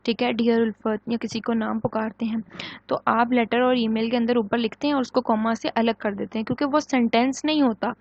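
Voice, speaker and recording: A woman teaches English grammar in a recorded online lecture, explaining in Hindi and Urdu, reading English example sentences slowly, and posing questions to the class that she answers herself. Her voice is slightly high and darkish with fairly even intonation, and the audio is dull with no room sound.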